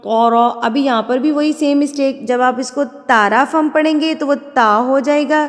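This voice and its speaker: A woman's voice: sits high, in a large hall. A woman teaching Quran recitation to beginners, explaining step by step and patiently repeating letter sounds. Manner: explains step by step, asks "theek hai?" often. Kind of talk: tajweed lesson for beginners.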